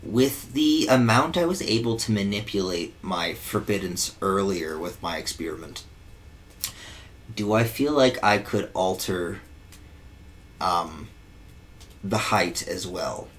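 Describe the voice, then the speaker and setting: Male player, very low voice, deliberate with a dry joke. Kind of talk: tabletop game play.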